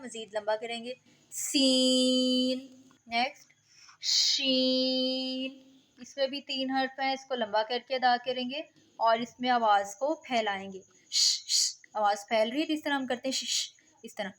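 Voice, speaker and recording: A woman's voice: a little high, fairly bright tone. A woman teaching beginners to read Quranic letters, patiently drawing out each sound. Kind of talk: recitation lesson for beginners.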